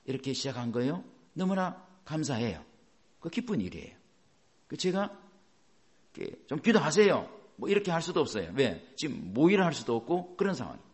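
Animated preaching man, lively pitch. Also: fairly quick. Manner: asks the congregation questions and answers them, animated. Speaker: pastor. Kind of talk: sermon.

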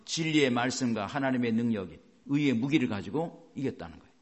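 A man's voice: mid-range voice, animated, fairly quick, muffled recording. A male pastor preaching a sermon, emphatic and asking his congregation rhetorical questions.

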